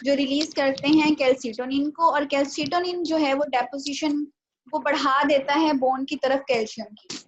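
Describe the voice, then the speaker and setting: A woman teaching a nutrition class online, explaining patiently step by step with small pauses. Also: sits high, steady tone. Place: home video call. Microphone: laptop or phone mic on a video call. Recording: dull, lo-fi video call audio with faint noise.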